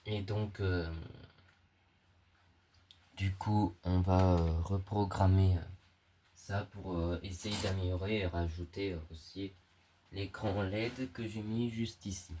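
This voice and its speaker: A young man with a cold, a hobbyist electronics YouTuber, walks through a project in a casual screen-recorded tutorial, sounding stuffy, hesitating often, using many fillers and slang. His deep voice is warm, steady, and slow with long pauses, and there's a little hiss or hum.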